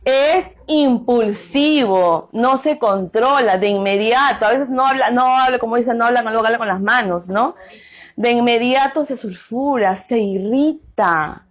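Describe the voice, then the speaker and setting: A middle-aged woman with a high voice, teaching a group. She keeps asking the audience questions and answering them herself, tagging her points with quick questions. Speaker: workshop speaker on domestic violence. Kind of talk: interactive talk to a group.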